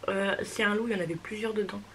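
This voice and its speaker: A young woman with a medium-pitched voice chats through a makeup test. She is hesitant at times and reassuring. A faint hiss sits under the recording. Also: fairly even intonation, fast, a bit bright, low-quality recording. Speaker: beauty vlogger. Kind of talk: casual makeup review.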